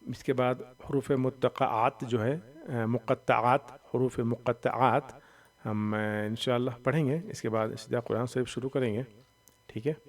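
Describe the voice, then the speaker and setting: Man slowly sounding out Quranic letters. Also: medium pitch, fairly even intonation, recorded from a distance. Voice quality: voice that cracks on strain. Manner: sounds out letters slowly, drawing out vowels, then explains quickly. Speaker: Quran reading teacher. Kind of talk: Noorani Qaida recitation lesson.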